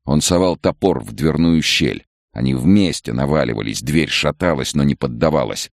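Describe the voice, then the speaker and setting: A man narrating an audiobook in a measured, dramatic reading. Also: rumbling low, animated, creaky, dry recording, clean studio sound. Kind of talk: scripted narration.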